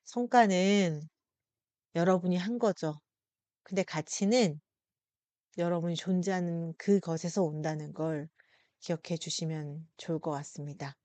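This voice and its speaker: A woman presenting a psychology talk, speaking gently and consolingly to her listeners, with slow pauses. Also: fairly low pitch, steady tone, no room sound. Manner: addresses listeners directly and warmly. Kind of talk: reflective explanatory talk to viewers.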